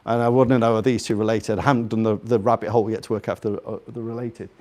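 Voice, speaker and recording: Fairly low in pitch and a little mellow, the man speaks quickly in a level tone. He's a guest speaker with a faint Scouse accent, giving an informal, rambling, jokey live talk in a room and asking his audience questions.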